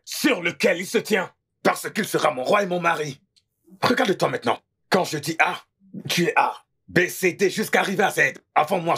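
A gravelly, bitter husband. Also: male voice, high-pitched, fairly bright tone, full character voice. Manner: theatrical, self-pitying rants. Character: exasperated sarcastic husband, middle-aged man. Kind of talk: dubbed film acting.

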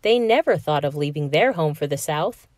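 A woman reading a children's picture book aloud in an expressive, sing-song storytelling manner. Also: low voice, moderate pace, no room sound, clean studio sound.

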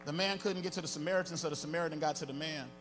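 A man's voice: on the high side, fairly even intonation, very fast. A man in his forties preaching a sermon as pastor on a church stage, into a handheld mic, with a rising, half-sung preaching cadence. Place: large church stage with band gear and audience. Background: music.

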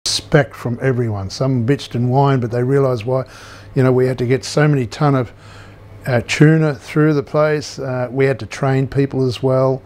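A man in his sixties recalls his working years in a relaxed, rambling way with many fillers, speaking indoors on a video call. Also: medium pitch, moderate pace. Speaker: interviewee. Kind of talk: oral history recollection. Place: indoor room.

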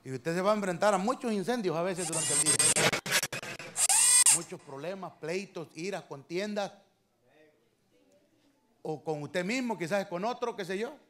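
A man preaching a sermon as pastor to his church, talking conversationally and calling his listeners brother, swinging from soft asides to loud emphatic lines. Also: high-pitched, animated, normal speed, long pauses, noisy background. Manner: conversational preaching, often addressing "hermano".

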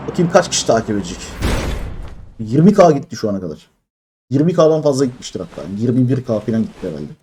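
A man's voice: big pitch swings, fast, breathy edge. Exasperated man griping while streaming. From Turkey. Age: 30s. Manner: exasperated, complaining loudly, swings between high outbursts and low mutters. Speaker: mobile game streamer. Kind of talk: live-stream crate-opening commentary.

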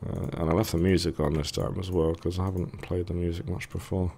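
A man's voice: sits low, flat delivery, brisk, warm tone, a little hiss or hum. A man with a thick, sore-throated voice giving casual, hesitant let's play commentary, musing to himself as he goes. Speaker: gaming video host.

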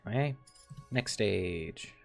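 Quiet, muttering male streamer. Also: fairly low pitch, animated, slow, creaky, soft background music. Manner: quiet, muttering, thinking aloud. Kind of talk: casual gameplay commentary.

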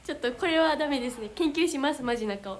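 A woman's voice: high-pitched, lively intonation, fast talker, slight background noise. A young woman with a Kansai accent, chatting casually on a livestream as an idol, reading fan comments in a bubbly, giggly, easily flustered way. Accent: Kansai Japanese. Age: young adult.

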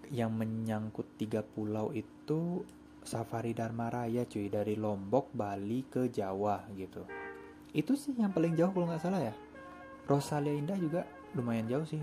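A young man chatting casually in slang while he plays a bus driving game, hosting his own gaming channel. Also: medium pitch.

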